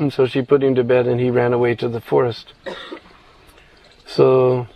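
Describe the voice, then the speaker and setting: A man's voice: medium pitch, level tone, unhurried, background noise. A man telling a scripture story in an informal sermon, meandering with restarts and frequent "you know".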